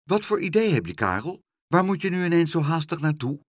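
An eager little boy from a storybook , as a man reads him aloud, pitched well above the reader's own low voice. He asks quick, keen questions in a slightly husky tone that is recorded dry and close. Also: very animated, no echo.

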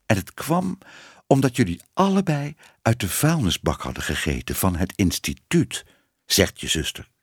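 Guy putting on a bossy old lady cat, scolds a lot, voice swoops up and down, bit husky. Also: fairly low pitch, big pitch swings, moderate pace, no room sound, clean studio sound, full character voice. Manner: stern, disapproving, bossy.

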